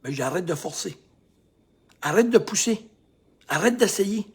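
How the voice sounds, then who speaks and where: A Québécois man with a very husky, breathy voice, pitched a little above most men, speaks as a life coach in a motivational talk to camera. He punches key phrases loudly, then drops to a hushed, almost whispered calm. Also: measured pace. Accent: Québécois French. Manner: swings between loud emphatic bursts and hushed near-whispers.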